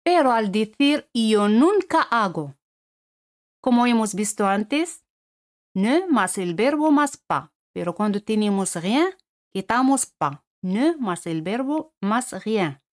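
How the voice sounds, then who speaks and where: A woman with a Spanish accent from Spain giving a scripted French lesson, speaking clearly and repeating each French word. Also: on the high side, sing-song, slow pace. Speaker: French teacher.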